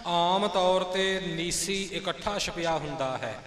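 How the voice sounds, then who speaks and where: A man gently corrects a student's recitation, explaining how words should be pronounced. His voice sits slightly high and sounds calm and instructive. The room is echoey, with a long reverb tail. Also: measured pace. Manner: patient, instructive. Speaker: recitation teacher. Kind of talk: correcting pronunciation.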